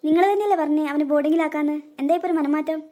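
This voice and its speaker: A woman doing cartoon dialogue with a scolding, expressive manner. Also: high voice, rapid-fire. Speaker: cartoon voice actor, narrating several characters.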